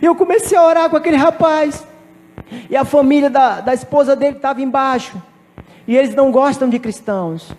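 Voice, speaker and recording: A pastor preaching a sermon, telling a personal testimony with emphatic repetition. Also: male voice, very high voice, a little fast, a little mellow, long reverb tail. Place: church.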